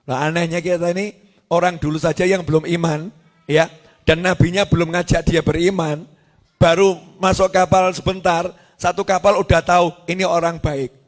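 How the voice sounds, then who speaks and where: A man's voice: high voice, moderate pace. A man preaching an Islamic sermon, telling a prophet's story with acted-out voices and jokes aimed at the women in the audience. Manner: lively storyteller, acts out quoted voices, jokes with the women listeners.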